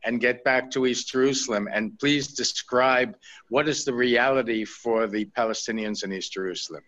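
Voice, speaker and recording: A man's voice: mid-range voice, normal speed, a bit bright, lo-fi sound. A man moderating a panel discussion, steering the guests with direct questions.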